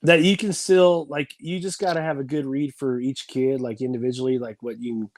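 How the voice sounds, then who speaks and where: A man's voice: medium pitch, fairly even intonation, moderate pace, darkish tone. A man in his forties, a football coach, talking in a rambling, frank, folksy way in a casual reunion chat.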